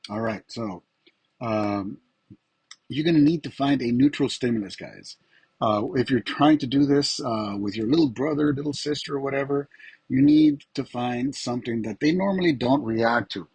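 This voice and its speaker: A male teacher giving a casual lecture to his students, his voice husky as he is losing it, often asking "right?" to check that they follow. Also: mid-range voice, moderate pace, darkish tone, no room sound, poor audio. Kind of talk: classroom lecture.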